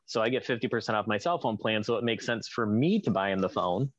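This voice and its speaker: A man's voice: fairly low pitch, quick pace, no room sound. Rambling man on a dull, dry recording. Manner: rambling, with many fillers and restarts. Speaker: divorced father telling a story. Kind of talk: casual spoken account of a co-parenting conflict.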